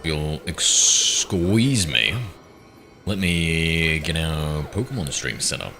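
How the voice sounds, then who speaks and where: A man in his thirties, chatting casually on a live game stream. He reads his chat aloud and banters back in a low voice with a forceful, bright edge. Faint music plays behind him. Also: lively intonation, slow pace, vocal fry. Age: 30s.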